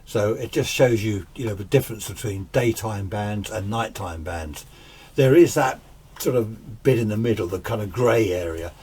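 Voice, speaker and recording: Speaking at a normal speed, a middle-aged man with a lowish, darkish, breathy voice hosts a casual hands-on radio demonstration, chatty and quick to make fun of himself. He's an amateur radio hobbyist recording indoors in his home shack. The camera's onboard mic captures hiss and background noise, and faint radio hiss and static sit underneath.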